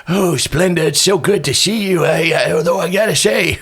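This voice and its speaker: A woman's voice: on the low side, moderate pace, breathy edge. A woman playing a catty, boastful old Hollywood retiree in a comedic tabletop game, wry and reminiscing.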